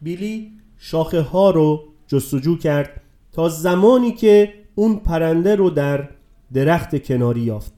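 A man narrating a story aloud in a calm, measured way. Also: fairly high pitch. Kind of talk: audiobook narration.

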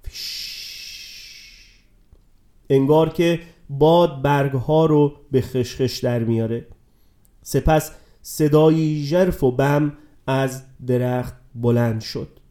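A man narrating a story aloud in a calm, measured way. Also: a little high. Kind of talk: audiobook narration.

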